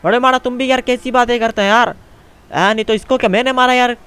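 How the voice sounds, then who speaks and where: A man's voice: very high-pitched, fairly even intonation, quick pace, bright, forceful tone, clear, resonant tone, voice pushed up, heavily acted. A man voicing a quarrelsome male Pathan tent builder in a game role-play, arguing in Pashto-accented Urdu with broken grammar. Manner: argumentative, grumbling, broken grammar, keeps saying "maada".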